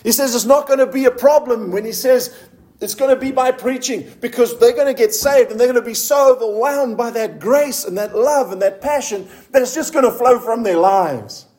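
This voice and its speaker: A man preaching a sermon in a notably high voice. He puts questions to his listeners and laughs lightly now and then. When he reads scripture, his voice turns low and slow. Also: darkish tone. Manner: slows down to read scripture in a low, solemn voice.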